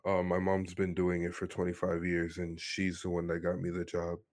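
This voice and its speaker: A man's voice: deep voice, monotone, moderate pace. A man in his twenties from Miami tells his personal story in an earnest, matter-of-fact way during a casual interview. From Miami, Florida, USA. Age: 20s.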